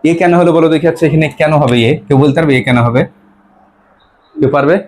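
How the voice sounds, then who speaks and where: A male teacher, taking a grammar class. He asks his pupils questions over and over and repeats their answers back. He reads the English example sentences slowly and carefully. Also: on the high side, a little mellow. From West Bengal, India.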